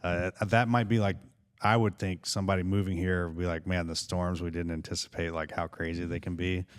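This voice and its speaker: A man's voice: sits low, level tone, fairly quick, a little hiss or hum. A man hosting a podcast, asking questions and musing in a conversational way, with lots of "uh" and "you know". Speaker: podcast host. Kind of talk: casual podcast interview.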